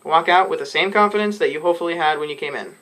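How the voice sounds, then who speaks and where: A man's voice: a little high, very fast, bright, forceful tone, rough recording. A man giving casual audition advice to camera as a casting director, rambling through tangents with many "um"s and "you know"s.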